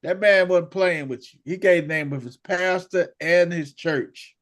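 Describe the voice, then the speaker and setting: A man co-hosting a casual sports podcast, talking in animated bursts with stammered restarts. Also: sits high, a little slow. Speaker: podcast co-host.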